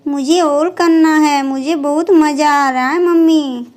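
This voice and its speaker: Little girl , woman doing the voice: high, whiny, stubborn, eager to help. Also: fairly even intonation, unhurried, darkish tone.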